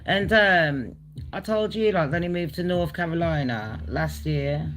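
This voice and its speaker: A woman's voice: low voice, measured pace, a little hiss or hum. Blunt, sweary woman hosting gossip. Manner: blunt, sweary, talks to viewers directly. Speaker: gossip channel host. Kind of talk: casual live commentary.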